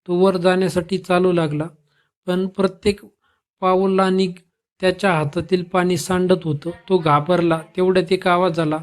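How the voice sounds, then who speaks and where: A man tells a devotional tale in a high voice. His delivery is steady and even, with very little rise and fall. The effect is calm, scripted storytelling. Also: moderate pace.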